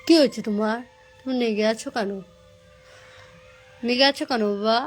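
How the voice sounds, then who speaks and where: A woman's voice: fairly high pitch, steady tone, moderate pace, faint music behind. A young woman talking to her angry pet dog, soothing and pleading with it, repeating words over and over. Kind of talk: coaxing talk to a pet.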